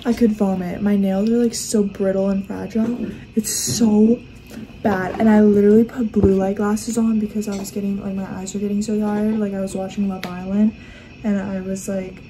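A woman's voice: mid-range voice, little pitch movement, moderate pace, warm tone, a little hiss or hum, rough recording. A tired young woman vlogging casually at home late at night, exasperated and dramatic, peppering her talk with "like". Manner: exasperated, dramatic, heavy use of "like". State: exhausted, tired. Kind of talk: casual day-in-my-life vlog.

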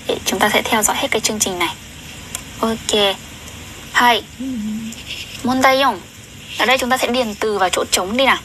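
A young woman tutoring Japanese on a livestream, chatty and often asking viewers questions, reading sentences slowly. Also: fairly high pitch, bright, forceful tone, a little hiss or hum, poor audio. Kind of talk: casual livestream lesson.

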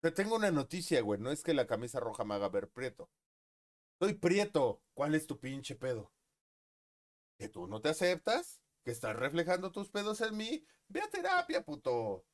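A man's voice: medium pitch, sing-song, normal speed. A man with a Mexican accent, a streamer, ranting in a profane, mocking way. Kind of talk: casual rant.

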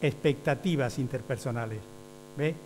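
A man's voice: mid-range voice, moderate pace, darkish tone. A man lecturing to teachers, explaining step by step and often checking with "¿ve?". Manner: explanatory, often asks "¿ve?", acts out quoted voices. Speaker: teacher trainer. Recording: hum with long hall reverb.

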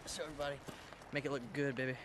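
A young man, vlogging excitedly while fishing on a riverbank, talking to viewers and repeating his exclamations. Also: medium pitch. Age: young adult. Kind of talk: casual outdoor fishing vlog. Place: riverbank outdoors. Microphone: on-camera mic and head-mounted camera. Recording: rushing river noise outdoors.

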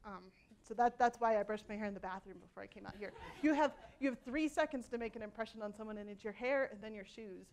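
A woman's voice: medium pitch, quick pace, darkish tone. A woman in her forties giving a conversational conference keynote on a hall stage, with frequent ums and restarts and a self-deprecating humor. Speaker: keynote speaker.

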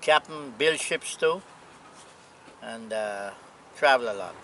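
A man in his eighties from Anguilla with a Caribbean accent, reminiscing casually in an unhurried, plainspoken way. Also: mid-range voice, animated, a bit bright, low-quality recording. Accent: Anguillan Caribbean English. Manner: unhurried, plainspoken old seaman's talk with pauses. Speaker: retired sea captain, interviewee. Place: outdoors on a seaside hillside. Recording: outdoor camera audio with noise.

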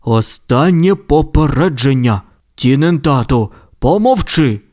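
A man's voice: mid-range voice, animated, unhurried, a little mellow, natural voice. A man voicing a stern male kindergarten teacher who scolds firmly. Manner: strict, scolding.

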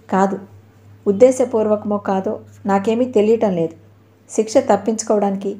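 A woman's voice: medium pitch, mellow. A woman narrating an audio novel, reading all the characters' lines in her own voice.

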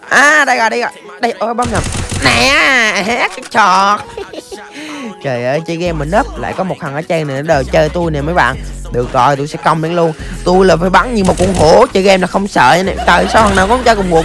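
Game streamer, very quick talker, excitable exclamations, faint music behind. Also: medium pitch. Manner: excitable, rapid-fire exclamations to viewers. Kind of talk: live gameplay commentary.

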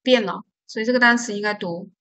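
Woman, vocabulary teacher; steady mid-pitched voice, patient, drills each word by repetition. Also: quick pace, lo-fi sound, a little hiss or hum. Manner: patient, repeats words to drill pronunciation; explains stress and silent letters step by step. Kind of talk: online vocabulary lesson.

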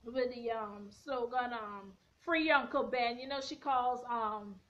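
In a slightly high voice that's a little hoarse, a young woman in her twenties takes her time recapping a reality show casually and with strong opinions. Her bedroom is the setting; she films on a front camera at arm's length, gestures animatedly, and comes across sassy and blunt over dull lo-fi webcam audio.

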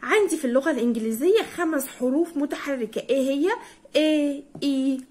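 Teaching a primary school English lesson, a young woman with an Egyptian Arabic accent drills words slowly, repeating them and spelling out their letters. Her voice is high and darkish in tone, with lively intonation.

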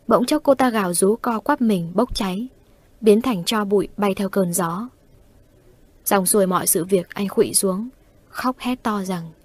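A woman, narrating horror stories in a calm, matter-of-fact way. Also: medium pitch, slightly rough, no room sound. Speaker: storyteller.

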